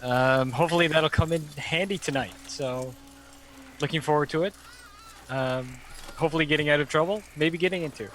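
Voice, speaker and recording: A man's voice: fairly high pitch, fairly quick, fairly bright tone, a little hiss or hum. A man casually introducing himself as a player in a tabletop game.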